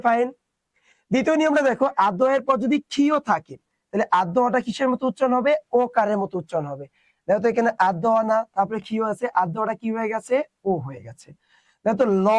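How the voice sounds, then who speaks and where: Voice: medium pitch, no echo. Teacher, online lesson, asks then answers own questions, dry close sound. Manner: quizzes students with questions, then answers them itself; mixes English words into the explanation. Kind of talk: online exam-prep lesson.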